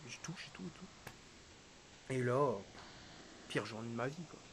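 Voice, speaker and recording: A male streamer recounting a personal loss in halting, emotional storytelling, his voice dropping to a hush and then rising again. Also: medium pitch, lively intonation, poor audio. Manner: halting, quotes dialogue, swings between hushed and raised. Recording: hissy background noise.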